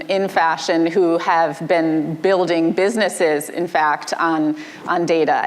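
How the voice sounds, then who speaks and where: A woman moderator introducing a live panel in a measured way with hesitant pauses. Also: fairly low pitch.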